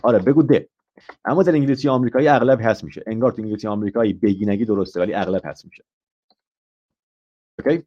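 A man's voice: fairly low pitch, long pauses. Guy teaching ielts live, kinda dull muffled stream audio, quizzes the class, tosses in english examples. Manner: asks the class questions and explains step by step; mixes English example phrases into his explanations. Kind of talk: live online grammar lesson.

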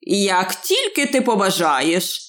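A calm old wizard, as a woman reads him. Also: mid-range voice, slow, full character voice. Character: calm old male wizard, wise and reassuring.

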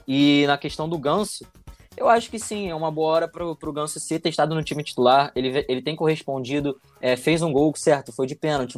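A Brazilian man giving conversational football analysis as a panelist, haltingly, often repeating words as he thinks. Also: medium pitch.

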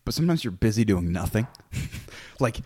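A man's voice: on the low side, sing-song, brisk, warm tone, slightly rough. A young man hosting a casual podcast, joking and chiming in with quips. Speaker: podcast host. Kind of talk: casual chat.

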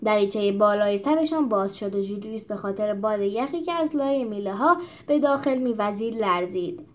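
A woman hosting a podcast and reading a translated children's book aloud with expressive storytelling. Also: mid-range voice. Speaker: podcast host and narrator.

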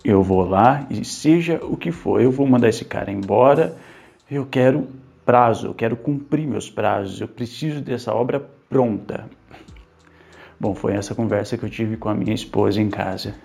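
A man's voice: on the low side, normal speed, gravelly, dark tone. A man with a Brazilian accent narrating a story expressively, rising in volume when he gets worked up.

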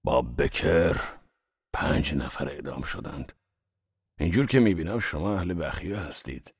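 A male audiobook reader voicing a mournful, sly aging gangster who speaks slowly and quietly, with a husky, gravelly tone. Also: rumbling low, full character voice.

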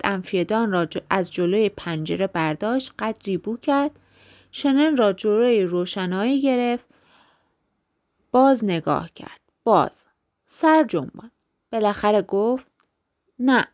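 A woman reading a story aloud in steady, measured narration. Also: medium pitch. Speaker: audiobook reader. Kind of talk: scripted narration.

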